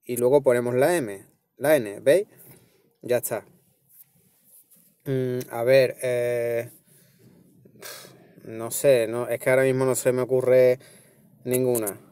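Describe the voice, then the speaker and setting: A man with a Spanish accent from Spain walks his viewers through a phone tutorial in a relaxed, step-by-step way. His voice is smooth and clear, sitting at an ordinary middle pitch. It is recorded dry and close, with no room sound. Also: takes it slowly, long pauses, no echo. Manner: relaxed, explaining step by step with frequent "¿vale?" and "¿veis?". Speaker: tech tutorial host. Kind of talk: casual screen-recorded tutorial.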